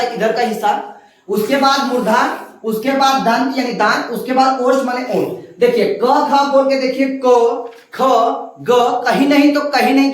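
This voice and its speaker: Patient woman teacher sounding out letters one by one, voice heard from a distance in a booming, echoey room. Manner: patient, explains step by step, sounds out letters slowly. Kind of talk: classroom lesson.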